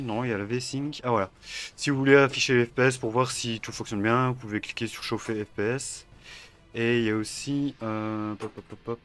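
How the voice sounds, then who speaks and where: A man casually walking through emulator settings, hesitant, with many fillers and self-corrections. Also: fairly low pitch. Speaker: tutorial host. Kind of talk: casual screen-recorded tutorial.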